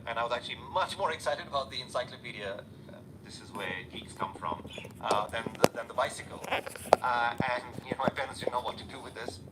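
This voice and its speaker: A man from India, giving thoughtful, reflective interview answers. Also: mid-range voice. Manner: thoughtful, with many fillers and restarts. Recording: interview with loud background noise.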